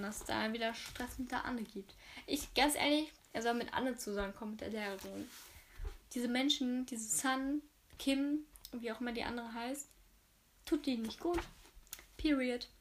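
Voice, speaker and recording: A woman's voice: fairly high pitch, slight background noise. A woman reading a novel aloud for her viewers and making chatty, frank asides about the story.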